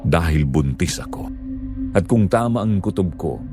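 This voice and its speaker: A man telling a scripted horror story in a hushed, suspenseful way. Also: low voice, animated, normal speed, over music.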